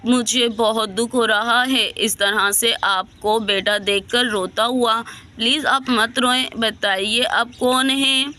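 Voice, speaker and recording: A woman voicing a kind, poor young girl who gently pleads with an old man and takes him home. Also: a little high, steady tone, takes it slowly. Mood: pleading.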